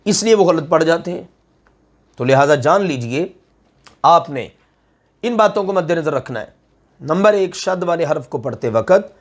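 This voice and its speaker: Slow, patient male recitation teacher. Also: on the high side. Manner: slow and patient, drawing out example words. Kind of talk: step-by-step recitation lesson.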